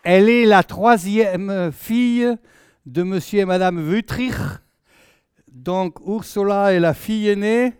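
A man in his sixties from southwest France, speaking with a southern French accent, is a guest preacher opening his sermon with jovial, chatty anecdotes, often trailing off with "hein". His voice is high, slow and a little mellow, recorded clean in a studio with no echo.

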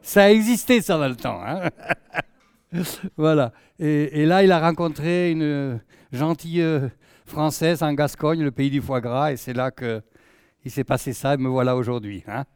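A man's voice: fairly high pitch, moderate pace, darkish tone, clean tone, dry recording, clean studio sound. A man in his sixties from southwest France with a southern French accent, a guest preacher chatting jovially through his opening anecdotes. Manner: chatty, jovial, often trailing off with "hein". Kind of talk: sermon introduction with anecdotes.

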